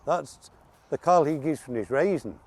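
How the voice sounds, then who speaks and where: A man's voice: fairly high pitch, lively intonation, moderate pace, a little mellow. Ulster Scots man, folksy dialect talker. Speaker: interview guest. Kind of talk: casual reminiscing chat about local dialect words.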